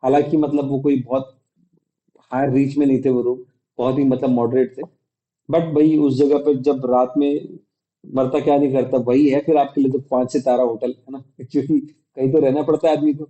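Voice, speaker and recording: Vlogger, male, from India: chatty retelling that acts out quotes, deep dark tone, muffled recording. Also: level tone, moderate pace. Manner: chatty retelling, acts out quoted dialogue, mixes English words. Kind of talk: casual storytelling vlog.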